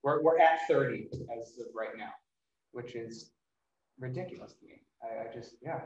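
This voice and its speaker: A man's voice: medium pitch, moderate pace, darkish tone. Guy hosting a casual podcast chat, rambly and hesitant, really echoey room, far from mic. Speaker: podcast host. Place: indoors, in-person podcast recording. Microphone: microphone at some distance, no windscreen. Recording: echoey room, distant mic, dull sound.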